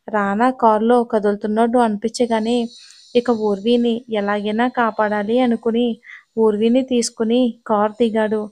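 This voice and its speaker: Steady-voiced woman narrating a story. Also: fairly high pitch, no echo.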